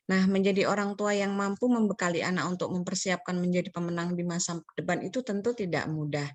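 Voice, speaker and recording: A woman's voice: medium pitch, no echo. Woman moderating an online webinar. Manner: polite, reads out audience questions, many fillers. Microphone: video call.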